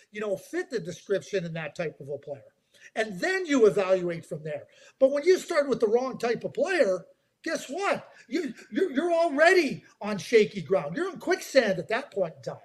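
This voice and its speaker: A man with a fairly high voice talks through hockey prospects on a podcast. He is emphatic and animated, stacking repeated words as he drives his points home. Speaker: hockey draft analyst. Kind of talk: podcast chat.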